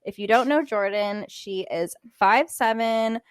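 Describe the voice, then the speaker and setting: A young woman co-hosting a casual podcast, chatting in an animated way and saying "like" a lot. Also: fairly high pitch, unhurried, no room sound, studio quality. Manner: animated, filler-heavy, lots of "like". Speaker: podcast co-host.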